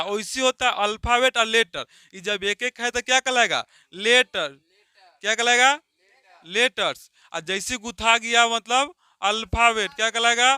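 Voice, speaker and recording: Bright, crisp-voiced teacher man. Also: high-pitched, dry recording. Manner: asks questions and answers them himself. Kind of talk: classroom lesson.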